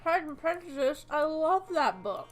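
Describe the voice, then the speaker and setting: A game streamer with a high, sing-song voice chats casually at a moderate pace while she plays, musing aloud playfully. Game music plays behind her voice.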